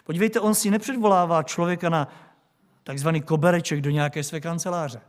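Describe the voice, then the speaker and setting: A man's voice: fairly high pitch, steady tone. A male preacher delivering a sermon, questioning his congregation with rhetorical questions.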